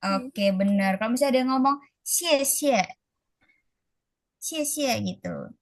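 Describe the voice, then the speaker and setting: A woman tutoring an online class, chatting casually and stretching out model phrases slowly. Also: a little high, no room sound, studio quality. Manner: slow, drawn-out model pronunciations; casual, chatty teaching, calls students guys. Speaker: Mandarin tutor. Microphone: video call.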